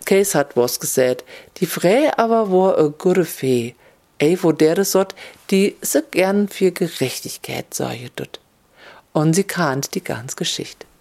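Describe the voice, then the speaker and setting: Slow storyteller. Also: mid-range voice, expressive, a little mellow. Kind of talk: dialect fairy-tale reading.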